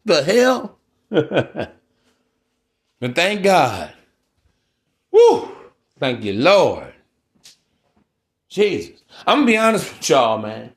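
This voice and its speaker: A man's voice: mid-range voice, big pitch swings, slow, long pauses. A man in his thirties hosting a podcast, talking casually and giving blunt, profane lectures. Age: 30s. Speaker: podcast host.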